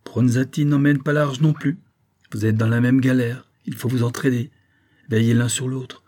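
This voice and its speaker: A man's voice: mid-range voice, fairly even intonation, normal speed, dark tone, lightly acted. A man reading the part of a streetwise female police captain who talks bluntly and matter-of-factly. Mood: reassuring. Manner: blunt, slangy, matter-of-fact.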